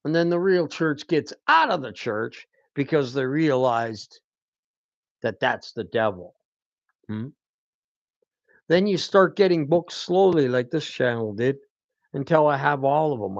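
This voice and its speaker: Gravelly slow-talking man preaching. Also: medium pitch, lively intonation, no echo. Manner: rambling, repeated prompts of "hmm?". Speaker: channel host, self-styled teacher. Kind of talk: rambling spiritual monologue. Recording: dull lo-fi dry recording.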